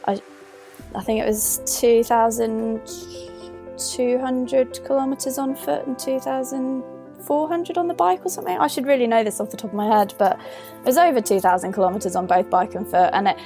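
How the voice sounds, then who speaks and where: A woman's voice: fairly high pitch, normal speed, warm tone, faint music behind. A young woman from Ireland, talking casually about herself as a remote guest on a call, hesitating often with fillers and restarts. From Northern Ireland. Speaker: guest, adventure athlete. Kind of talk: casual interview answers.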